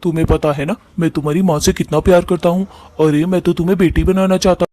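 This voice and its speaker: A man's voice: sits high, fairly even intonation, warm tone, lightly acted. A man voicing a shameless, lecherous old father-in-law in a cartoon story, talking in a wheedling way. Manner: wheedling, drawn-out.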